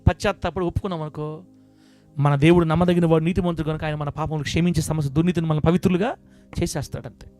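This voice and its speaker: A man with a high voice preaches a sermon to a church congregation. His delivery swings from quiet, confiding asides to loud, emphatic bursts. Soft music plays faintly behind him. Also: steady tone, fast talker. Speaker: pastor. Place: church service before a congregation.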